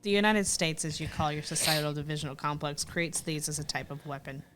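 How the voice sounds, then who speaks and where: A woman voicing a formal, nonhuman channeled entity, reading its answers from a transcript in a measured way. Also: deep voice, steady tone, background noise, close to an everyday voice.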